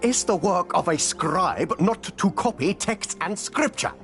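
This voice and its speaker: A man's voice: sits high, expressive, measured pace, soft background music. An actor playing a stern, haughty male prior who lectures his monks condescendingly, in video game voice acting. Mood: lecturing.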